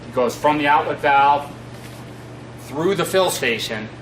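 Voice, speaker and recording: A middle-aged man giving an informal instructional demonstration in a halting, matter-of-fact way. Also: on the high side, animated. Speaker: fire district equipment trainer. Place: concrete-floored equipment room, indoors. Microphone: distant camera across the room. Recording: echoey, noisy, distant camera sound.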